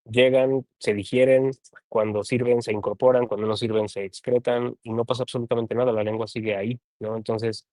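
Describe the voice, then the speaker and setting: A man with a Mexican accent, speaking as an interview guest in a relaxed, thoughtful way and often adding a questioning tag. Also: mid-range voice, brisk, no room sound. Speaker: translator and guest. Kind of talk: casual conversation.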